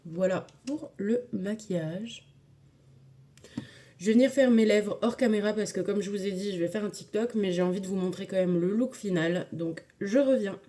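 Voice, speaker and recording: Woman, warm mellow tone, casual makeup tutorial chat, hesitant fillers, enthusiastic. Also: medium pitch. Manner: chatty, filler-heavy, enthusiastic about products.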